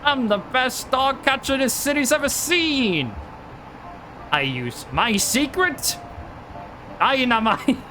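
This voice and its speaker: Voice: high-pitched, expressive, slow, pauses often, pushed and bright, slight background noise, full character voice. A streamer putting on an old-timey transatlantic tough-guy voice for a boastful dog catcher, ending lines with a clipped "see?".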